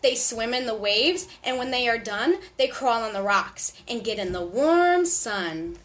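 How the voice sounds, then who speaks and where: Reading a picture book to little kids, this storytime host speaks slowly in a sing-song way, stopping for small asides to her young audience. Her voice is high, expressive, and a bit bright.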